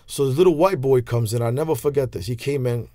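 A man's voice: medium pitch, fast talker, dry recording. Bronx-accented man telling prison stories. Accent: New York. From New York. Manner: street slang, animated hand gestures, many restarts. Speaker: interview guest. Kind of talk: casual storytelling interview. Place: small studio with leather couch. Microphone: studio mic on stand.

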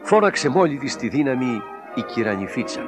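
A man reading a children's storybook aloud, with expressive, dramatic storytelling. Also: medium pitch. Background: background music.

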